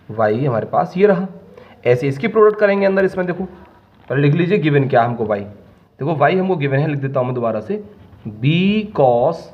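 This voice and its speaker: Guy teaching maths step by step, kinda high voice, muffled lo-fi audio, keeps asking if it's clear. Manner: patient, checks often whether students follow; dictates terms slowly, step by step. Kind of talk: whiteboard maths lesson.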